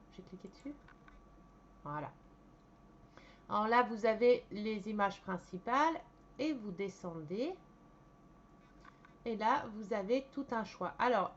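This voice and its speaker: A woman casually chatting through an unboxing at home, enthusiastic and often pausing to search for words. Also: a little high, a bit bright. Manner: chatty, enthusiastic, with frequent hesitations. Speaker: vlogger reviewing a purchase. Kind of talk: casual unboxing and screen walkthrough. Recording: slightly muffled home recording with faint background noise.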